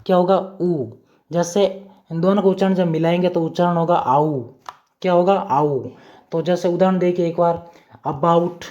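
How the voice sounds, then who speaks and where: A man's voice: high voice, mellow. A man with an Indian accent teaching English pronunciation rules step by step, often asking a question and answering it himself. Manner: repetitive, asks and answers own questions. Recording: dull lo-fi sound.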